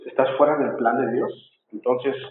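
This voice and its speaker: A man's voice: mid-range voice, fairly even intonation, unhurried, slight background noise. A man preaching a sermon earnestly, pressing his listeners with repeated rhetorical questions. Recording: echoey, tinny phone-like sound.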